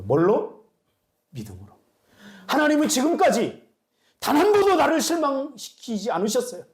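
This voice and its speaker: A middle-aged male pastor preaching a sermon, swinging between loud exhortation and hushed asides. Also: sits high.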